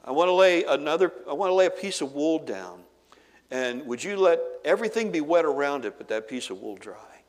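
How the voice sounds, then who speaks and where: Male pastor giving a sermon, animated storyteller, echoey church hall. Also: a little high, fairly quick. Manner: animated storytelling, acting out dialogue. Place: church sanctuary. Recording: long reverb of a large hall.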